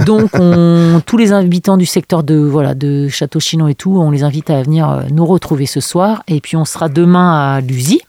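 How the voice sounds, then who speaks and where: A woman with a mellow voice talks hesitantly in a radio studio, pausing often on fillers as she explains things. The sound is dry and close. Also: low-pitched, no echo. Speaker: guest from a cultural venue. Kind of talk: casual radio interview.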